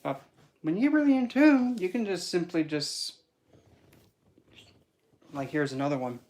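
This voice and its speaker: This is a spiritual teacher's casual esoteric teaching talk, delivered unhurriedly in a mid-range voice. It wanders in a lively, chatty way over slight background noise.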